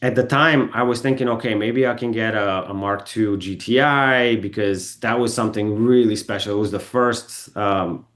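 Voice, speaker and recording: A Bulgarian guest in a podcast studio tells car stories in a voice on the low side, steady in tone and a bit bright, at normal speed with few pauses. His casual storytelling rambles, with frequent ums, restarts and self-corrections.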